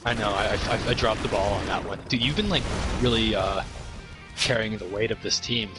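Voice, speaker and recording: A young man chatting casually from home while gaming, rambling and halting, swearing often. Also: on the low side, fairly even intonation, loud music behind the voice. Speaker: podcast guest. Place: home, at his girlfriend's parents' place. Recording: loud game gunfire behind voice. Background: video game gunfire and explosions.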